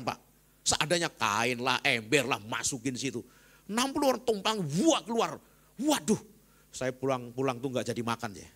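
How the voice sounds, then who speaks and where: Seorang pendeta pria berkhotbah dengan semangat, suaranya naik keras saat menekankan poin dan turun lebih rendah saat menirukan orang lain. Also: male voice. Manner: lively preaching with loud rises, acts out quoted voices in a lower tone. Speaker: pastor. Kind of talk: sermon. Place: church service.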